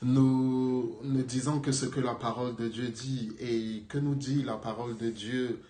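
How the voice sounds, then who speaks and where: A man's voice: mid-range voice, steady tone, unhurried, warm tone. Man preaching in an echoey room. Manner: earnest, affirming, pastoral.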